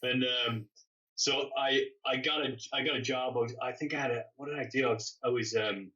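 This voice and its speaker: Interviewed as a guest, a custom motorcycle builder who was born in England and grew up in Canada tells casual, rambling stories, correcting himself as he goes. His mid-range voice holds a steady tone, bright and forceful, and moves a little fast. The microphone sounds distant and dull.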